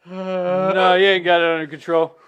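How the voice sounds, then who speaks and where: A man's voice: high voice, flat delivery, moderate pace, a bit bright, muffled recording. A man co-hosting a podcast, chatting casually and profanely while watching a fight with his brother. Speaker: podcast co-host. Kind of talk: casual live-watch chat.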